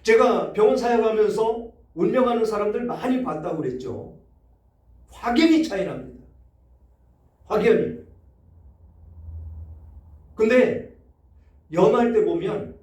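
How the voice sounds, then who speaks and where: A man preaching as pastor, emphatic, his loudness rising and dropping sharply. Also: sits high, lively intonation, measured pace, pauses often. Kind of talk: sermon. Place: church sanctuary. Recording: echoey church hall, mic set far off.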